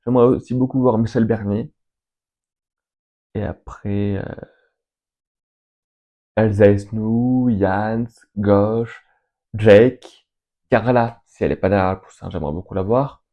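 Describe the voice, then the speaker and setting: A young man chatting casually as host, answering questions in an enthusiastic, rambling way and listing names between pauses. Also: on the low side, fairly even intonation, highs cut off. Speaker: fan video host answering viewer questions. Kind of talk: casual chat.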